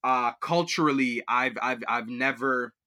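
A young adult student from Liberia, raised in Kenya and Canada, answers interview questions as a guest, rambling with many fillers and restarts. His mid-range voice is a little slow, pushed and bright.

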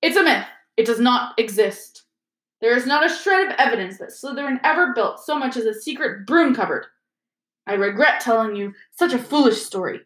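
A dry, reedy old professor's voice, lecturing in a flat, dismissive way and getting impatient with questions, as a woman reads the part. The voice sits fairly high, and the room is echoey. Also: normal speed. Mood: irritated. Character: old male ghost history teacher, dry and dismissive.

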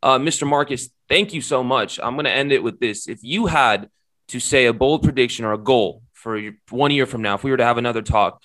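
A man hosts an interview with eager enthusiasm, summing up his guest's points in long, winding remarks. His voice has an ordinary middle pitch. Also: fairly quick, a bit bright. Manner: enthusiastic, recaps at length. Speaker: interviewer, host. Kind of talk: casual interview.

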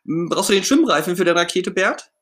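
A man's voice: high-pitched, expressive, brisk, a bit bright, pitched above the performer's own voice. A man voicing Ernie, a cheerful, eager boyish puppet friend, in a storybook reading with a bubbly, pleading manner.

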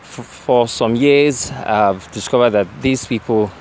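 A man's voice: medium pitch, a little slow, a little mellow. A man with a Nigerian accent who slips into Nigerian Pidgin, giving a hesitant, unscripted field report and interview. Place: outdoors near a bridge. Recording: faint outdoor street and vehicle noise.

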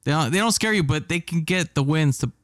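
A man talking basketball in a relaxed chat, laughing often and trailing off mid-thought. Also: fairly high pitch, brisk, no echo, clean studio sound. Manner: laid-back, laughs often, trails off and restarts.

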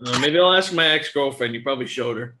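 A man's voice: mid-range voice, quick pace, sharp tone, a little hiss or hum. A young man co-hosting a podcast in casual banter, joking, swearing and laughing often. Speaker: podcast co-host.

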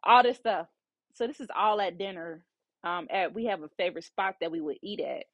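With a fairly low, fairly quick voice on a dry recording, this woman, a psychic medium and podcast host, shares a personal anecdote. She's relaxed and lively, dropping "you know" again and again.

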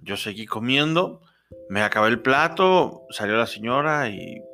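A young Mexican man with a Mexican accent, telling a personal travel story in a relaxed, chatty way with many fillers. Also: mid-range voice, measured pace, faint music behind. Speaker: podcast storyteller. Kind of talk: first-person travel anecdote.

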